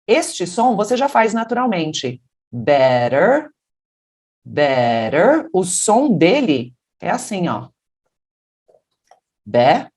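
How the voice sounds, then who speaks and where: A woman from Brazil teaching English pronunciation, explaining patiently and then modeling English words in a deeper voice. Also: very animated, a little slow, few pauses, darkish tone, breathy edge. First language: Portuguese. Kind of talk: pronunciation lesson.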